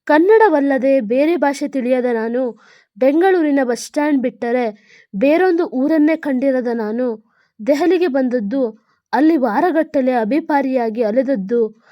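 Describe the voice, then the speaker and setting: A woman's voice: sits high, measured pace, no echo, highs cut off. A woman voicing a dying old mother who pleads tenderly with her son in a letter. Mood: tender, pleading.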